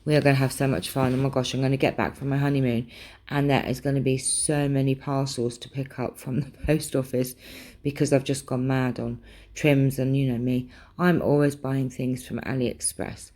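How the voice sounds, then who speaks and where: In her casual craft vlog, a young Englishwoman with a British accent shows off supplies and rambles with plenty of ums. Her bass voice is warm but a bit worn and throaty, delivered flatly at a moderate pace; she's slightly losing her voice and clears her throat.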